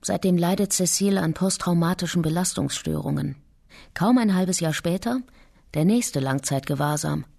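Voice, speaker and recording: Dark, husky woman narrating. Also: lowish voice, moderate pace. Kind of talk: scripted documentary narration.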